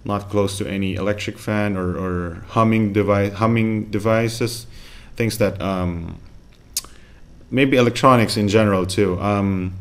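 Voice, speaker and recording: A man's voice: fairly low pitch, steady tone, a little slow. Man casually reviewing a microphone. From Philippines. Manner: rambling, many fillers and restarts. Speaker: tech reviewer. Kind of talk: casual unboxing commentary. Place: home room with laptop fan. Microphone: USB desk microphone held close.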